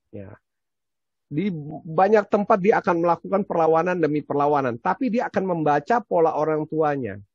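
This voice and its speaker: Gravelly-voiced man giving parenting advice. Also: on the high side, dry recording. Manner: animated storyteller, acts out his own stern lines to his child. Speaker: parenting educator answering a question. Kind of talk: conversational advice talk. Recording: dull, lo-fi sound.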